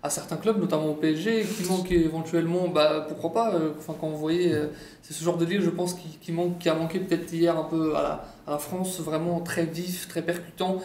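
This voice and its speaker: A man's voice: on the high side, fairly even intonation, fairly quick, a little mellow, echoey room, a little hiss or hum. A man giving his football opinions on a panel, hesitant and full of fillers and restarts. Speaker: football pundit. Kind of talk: casual panel chat.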